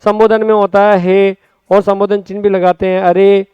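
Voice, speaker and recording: Lively high-voiced male Hindi tutor. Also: smooth, dry recording, lo-fi sound. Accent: Rajasthani Hindi. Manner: lively, drawn-out words, addresses students as friends. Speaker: Hindi exam coaching teacher. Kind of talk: spoken exam-prep lesson. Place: classroom or studio.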